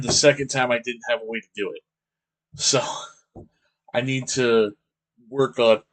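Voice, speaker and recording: A man's voice: medium pitch, a bit bright, rough recording. A man chatting casually on a morning stream, rambling and hesitant with many fillers, a bit sleepy. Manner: rambling, hesitant, lots of ums and restarts. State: sleepy, yawning. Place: indoors, at home beside boxes of cards.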